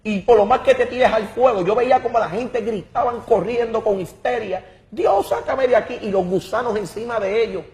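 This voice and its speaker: Fervent man, high voice. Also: fairly even intonation, normal speed, few pauses, darkish tone. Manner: emphatic and dramatic, repeats words while searching. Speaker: guest giving a testimony. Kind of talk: impassioned religious testimony.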